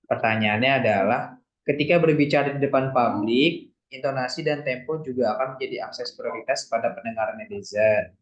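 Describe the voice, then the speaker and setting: Man, mid-pitched, relaxed moderator, roomy echo, muffled call audio. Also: a little fast. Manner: relaxed, reads audience questions aloud. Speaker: webinar moderator. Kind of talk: casual moderating.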